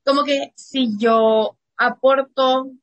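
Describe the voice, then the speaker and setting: A woman's voice: sits high, fairly even intonation, takes it slowly. A young woman from Venezuela with a Venezuelan accent, a student guest telling a personal story with many fillers. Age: young adult.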